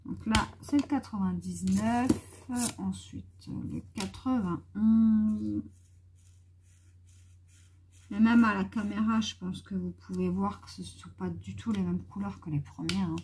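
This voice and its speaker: A woman's voice: mid-range voice, unhurried, a little mellow, slight background noise. A woman chatting casually in a haul vlog, thinking aloud as she tests colors and talking familiarly to her viewers. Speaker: YouTuber presenting art markers.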